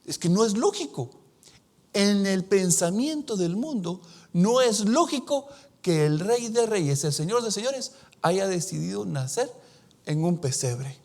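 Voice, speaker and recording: Gravelly-voiced pastor preaching a sermon. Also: male voice, high-pitched, lively intonation. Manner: preaching with dramatic shifts in loudness; slows down for emphasis. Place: church.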